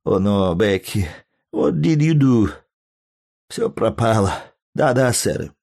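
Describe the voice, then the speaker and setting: A man voicing a fussy, panicky, plump little old man who talks in a high, pleading, flustered way. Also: animated, takes it slowly, creaky, a little mellow, full character voice.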